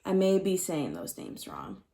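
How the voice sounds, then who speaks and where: This teacher's fairly low, gravelly, mellow voice swoops wildly in pitch as she reads a picture book aloud at an unhurried pace to young pupils. Along the way she explains things simply, stresses key words, and questions the children directly.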